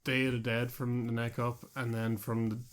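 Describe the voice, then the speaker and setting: Irish man, podcast co-host, mid-pitch, amused, trails off a lot. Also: monotone, moderate pace. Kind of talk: casual chat.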